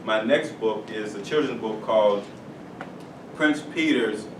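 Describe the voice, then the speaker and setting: A man's voice: on the low side, measured pace. Upbeat man speaking to schoolkids. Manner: upbeat, playful call-and-response with the class. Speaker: guest speaker at a school career day. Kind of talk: motivational talk to children. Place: school classroom or hall. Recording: echoey room, distant camera, noisy.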